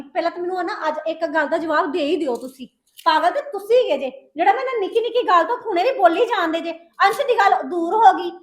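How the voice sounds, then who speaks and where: Woman doing a young wife snapping back, very high quick voice, echoey room with faint music. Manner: defensive, arguing back. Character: young wife answering back her husband. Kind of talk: family drama skit.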